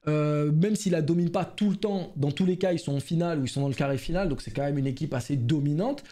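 A man's voice: a little high, fast, dark tone. A man hosting a casual esports news commentary, chatty and full of fillers and restarts.

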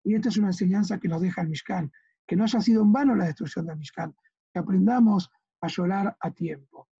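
A man's voice: sits high, fairly quick, dark tone, husky, lo-fi sound. A man with an Argentine accent, a rabbi giving an earnest religious lesson with slides, often checking that his listeners follow. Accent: Argentine Spanish. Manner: earnest, teaching, asks listeners to agree.

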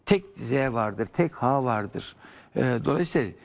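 A man's voice: medium pitch, expressive, measured pace, creaky. An older man, a historian guest in a TV studio, explaining at length with frequent hesitations.

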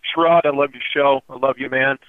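A man calls in over a tinny phone line and talks quickly. His voice is dry, and he presses the guest with pointed, challenging questions. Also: medium pitch, steady tone, no echo. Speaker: caller. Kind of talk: call-in. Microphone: phone call.

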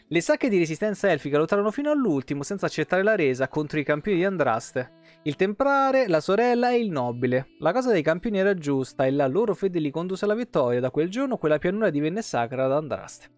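On a livestream, a game streamer in his thirties reads game lore aloud and drops in casual asides, his fairly high voice tired and giving out. The recording is dry, with soft plucked guitar music behind him.

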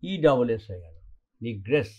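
A man's voice: mid-range voice, lively intonation, normal speed, dark tone, slightly rough, muffled recording. A man teaching an English grammar lesson in Bengali, explaining step by step and often checking whether the students follow. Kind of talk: online classroom lesson.

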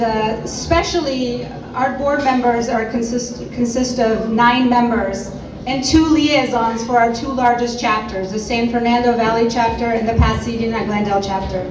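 A woman's voice: on the high side, noisy background. A woman hosting an event, thanking people and introducing award presenters in a gracious, fluent way. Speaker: event host. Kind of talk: event emcee remarks. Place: large event hall. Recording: echoey lo-fi hall, distant mic, crowd.

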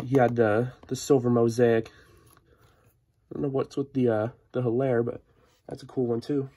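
A man with a stuffy, sniffling head cold hosts a casual unboxing vlog, talking with mild excitement. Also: mid-range voice, slight background noise. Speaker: host of a sports card unboxing channel. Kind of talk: casual mail-day vlog narration. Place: indoor room at a tabletop.

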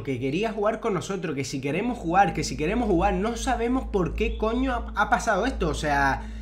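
A young man from Spain tells the story in a rush, swearing freely and repeating himself. His voice sits high for a man, and his casual commentary feels breathless with excitement. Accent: Spain Spanish. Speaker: youtuber narrating a replay.

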